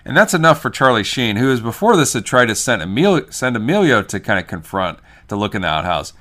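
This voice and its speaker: Bright-toned man recapping a movie. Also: mid-range voice, very animated, fast talker. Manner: rambling, retells scenes with laughs and trailing asides. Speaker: podcast co-host. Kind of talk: casual movie recap chat.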